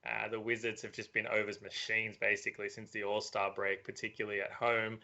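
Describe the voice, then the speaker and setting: A man talking as a sports betting analyst, giving a measured, analytical preview with frequent fillers. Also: on the low side, little pitch movement, gravelly, bright, forceful tone. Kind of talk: casual betting preview chat. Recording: dull lo-fi audio.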